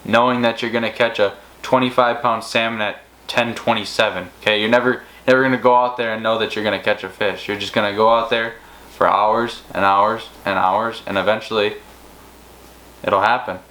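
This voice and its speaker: A man's voice: on the low side, fairly even intonation, brisk, bright, forceful tone, rough recording. A man co-hosting a fishing channel, telling stories in a casual, rambling way with many restarts. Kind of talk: casual storytelling chat.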